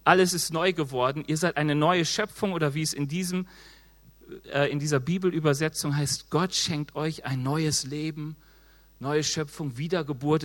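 A man preaching a casual, lively sermon, acting out excuses in quick quoted voices. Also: a little high. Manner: moves around while preaching.

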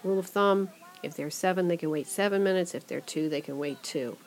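Middle-aged woman, educator host; low, calm, explanatory delivery with drawn-out emphasis. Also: slight background noise. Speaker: director of education, podcast host. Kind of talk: educational parenting podcast.

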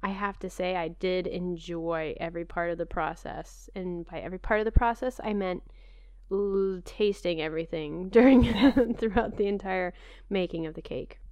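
A woman with a smooth, clear voice, recorded close and dry. She chats casually as a podcast co-host, with an animated, conversational manner. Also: lowish voice, moderate pace, dry recording. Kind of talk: casual chat.

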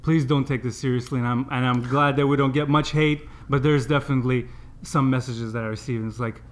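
A man hosts a casual sports podcast in a chatty, informal way. His voice sits at a medium pitch, and he talks with braces, which slightly gets in the way of his speech. He often addresses the listeners directly. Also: steady tone, fairly quick. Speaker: podcast host.

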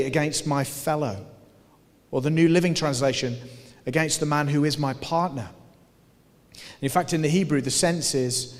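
A man preaching a sermon, earnest and emphatic, putting rhetorical questions to his listeners. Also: on the high side. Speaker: pastor. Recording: long hall reverb.

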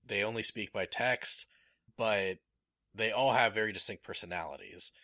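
A man's voice: fairly low pitch, normal speed, bright, forceful tone, dry recording, studio quality. A man chatting casually as a podcast host, enthusiastic and rambling, with many fillers. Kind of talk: casual chat.

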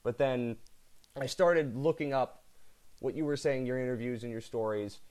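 A man with a North American accent hosts a conversational podcast interview. His voice sits at a medium pitch, and he talks in a chatty, effusive way. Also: normal speed, a little mellow, clear, resonant tone. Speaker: podcast host.

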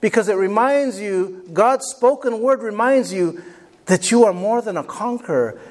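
A man's voice: high voice, unhurried. A man preaching a motivational sermon as a pastor, emphatic and repeating his phrases, prompting his listeners as he goes. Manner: prompts listeners with questions and calls for amen.

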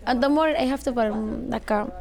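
A young woman with a Sudanese accent answers informally in halting, simple, non-fluent English. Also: on the high side, vocal fry, a little mellow. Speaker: interviewee, church community member. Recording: busy room with background chatter.

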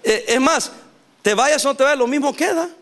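A male pastor preaching a sermon in a lively, animated way, laughing and acting out quotes. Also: extremely high pitch, moderate pace.

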